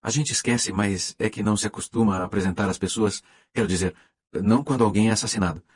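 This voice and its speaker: A man's voice: fairly low pitch, quick pace, slightly rough, dry recording. A man reading the part of a gracious, vague older lady hostess who chats apologetically in an audiobook. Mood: chatty. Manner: apologetic, chatty, socially polite.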